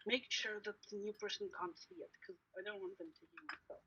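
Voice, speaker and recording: A woman's voice: medium pitch, lively intonation, brisk, noisy background. A woman improvising casually as a player in a tabletop roleplaying game, on a slightly dull microphone.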